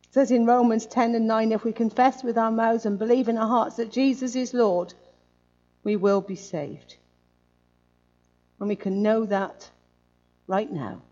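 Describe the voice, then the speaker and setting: Woman preacher, conversational sermon delivery, fairly high voice on a muffled recording. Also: measured pace, pauses often, dark tone. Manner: conversational, with chatty tag questions.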